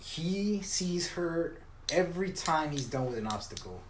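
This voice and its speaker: A man's voice: a little high, animated, unhurried. A man co-hosting a podcast in casual chat, rambling and swearing in easygoing slang. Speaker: podcast co-host. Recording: echoey room with clear background noise.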